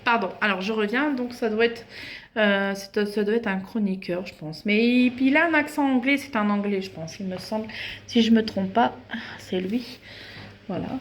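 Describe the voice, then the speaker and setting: A woman's voice: mid-range voice, normal speed. Chatty woman in an echoey room. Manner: chatty, hesitant, many fillers. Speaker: vlogger. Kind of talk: casual book show-and-tell. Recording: echoey room with faint noise.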